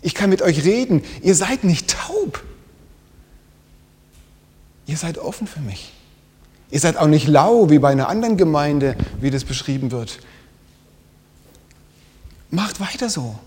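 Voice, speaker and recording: A man preaching a sermon with a fairly high voice. He often drops to a soft whisper to stress a point, then rises again. His voice rings with a long church reverb. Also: lively intonation, normal speed. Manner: dynamic, drops to whispers for emphasis.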